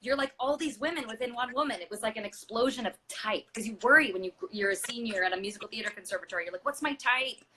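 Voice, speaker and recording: A woman's voice: fairly high pitch, fast, few pauses, bright, forceful tone, slight background noise. A woman in her thirties, a stage actress and singer, chatting casually as an interview guest, full of fillers and acting out quoted voices. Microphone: video call.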